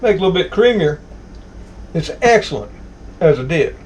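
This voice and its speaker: A folksy man with a Southern drawl chats through his home cooking video, his voice sitting a touch high and leaping all over as he whoops about the food. He talks straight to his viewers, and a faint hiss runs under the recording. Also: sing-song, normal speed, darkish tone, low-quality recording. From Southern United States. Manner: folksy, exclamatory, savoring food aloud. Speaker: cooking vlog host. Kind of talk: casual cooking vlog. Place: home kitchen.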